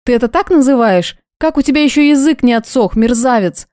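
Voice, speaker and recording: Woman doing a furious young heroine, high and loud, shouting, dry recording, audiobook. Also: a little fast, dry recording, close to an everyday voice.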